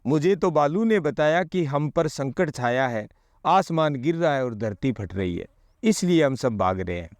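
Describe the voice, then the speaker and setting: A man's voice: on the high side, expressive, measured pace, no room sound. A man voicing a worried deer fleeing with the other animals in a children's story.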